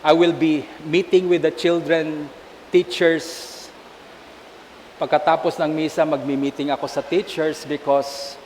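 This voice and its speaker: A man's voice: fairly high pitch, flat delivery, a little slow, a little mellow. A man with a Filipino accent preaching a sermon at Mass. He shifts between Tagalog and English and asks the congregation to answer him. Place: church. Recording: echoey church hall with faint hiss.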